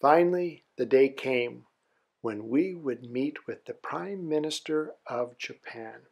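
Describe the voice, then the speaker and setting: A man giving scripted documentary narration in a measured, even way. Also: medium pitch, slightly rough.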